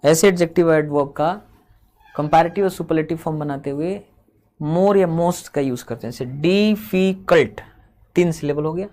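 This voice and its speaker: A man's voice: a little high, warm tone. A man teaching a grammar lesson, explaining step by step and drawing out each example word. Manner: explains step by step, slows and drags out example words.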